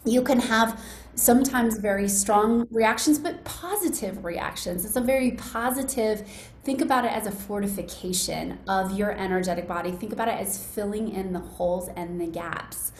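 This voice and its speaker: On an echoey video call with faint background noise, a woman enthusiastically demos a wellness device for an online group, chatting casually, speaking directly to them and guiding calm relaxation. Her mid-range voice is a little mellow and moderately paced.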